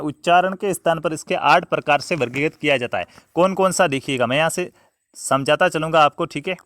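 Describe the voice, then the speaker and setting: In his grammar class, the teacher stretches and repeats important terms for emphasis, posing questions only to answer them himself. The voice sits on the high side with a fairly bright tone, and the recording is dry and studio-clean.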